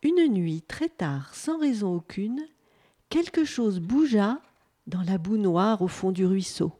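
A woman presenting a children's picture book and then reading it aloud with gentle, expressive storytelling. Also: medium pitch, slow pace.

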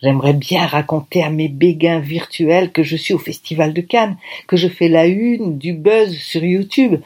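Woman reading a first-person novel. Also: on the low side. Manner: lively, conversational. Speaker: audiobook reader.

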